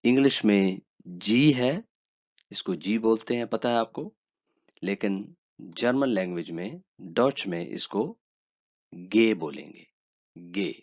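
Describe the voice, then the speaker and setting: Slow, measured male language teacher. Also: lowish voice. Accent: Urdu. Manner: slow, repeats each letter twice. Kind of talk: slow spoken lesson. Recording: dull lo-fi sound.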